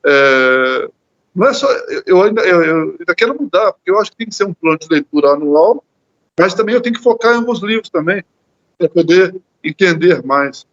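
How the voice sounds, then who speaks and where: Earnest high-voiced Brazilian lay preacher. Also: male voice, expressive, brisk, fairly bright tone, highs cut off. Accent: Brazilian Portuguese. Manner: earnest, repeats words while searching, often adds "né?". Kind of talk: church Bible study talk. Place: church.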